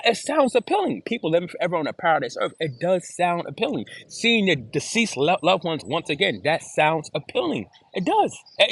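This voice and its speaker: A man's voice: high-pitched, creaky, a bit bright, slightly rough, no echo. A man talking as an interview guest in casual chat, earnest and given to repeating and restarting his phrases. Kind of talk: casual video-call chat.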